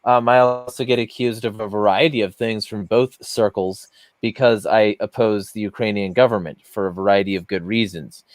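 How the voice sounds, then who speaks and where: A man's voice: on the low side, steady tone, normal speed, dry recording. A man hosting a podcast who rants bluntly and swears often in casual heated talk. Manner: blunt, profane, ranting. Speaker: podcast host.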